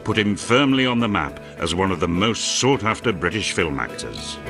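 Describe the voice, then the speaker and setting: A man narrating a documentary tribute in a steady, polished scripted manner. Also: low voice, normal speed, music in the background.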